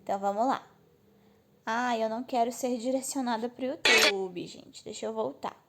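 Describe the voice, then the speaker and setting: A woman's voice: a little high, normal speed, fairly bright tone. A woman teacher with a Brazilian Portuguese accent explaining a lesson to children, friendly and often checking in with her pupils. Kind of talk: online class explanation to children.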